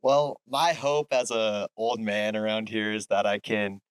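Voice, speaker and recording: A man's voice: fairly low pitch, little pitch movement, unhurried, clean tone, no echo. A young man, a college soccer player, giving earnest, reflective interview answers. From Utah. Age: young adult.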